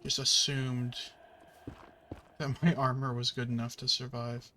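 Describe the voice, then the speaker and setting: A man talks slowly over his gameplay in a bright, forceful voice, wandering from thought to thought with plenty of fillers. Now and then he swears at the game. A faint hiss of noise sits under the voice. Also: medium pitch, flat delivery. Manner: rambling and chatty, with many fillers and restarts. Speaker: gaming channel host. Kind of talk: casual commentary while playing a video game.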